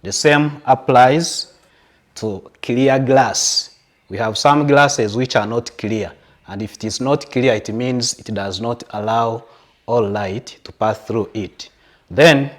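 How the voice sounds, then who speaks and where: Slow, patient Ugandan English teacher. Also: male voice, medium pitch. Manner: slow, patient, explains with examples and fillers. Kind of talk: televised classroom lesson.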